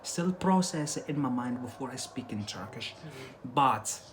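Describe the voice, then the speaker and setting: In a laid-back livestream, a man from Algeria teaches English with a mid-range voice, lively intonation and a measured pace, against a noisy backdrop. His first language is Algerian Arabic. He hammers points home, repeats them, and keeps tossing in "yeah?" and "that's it".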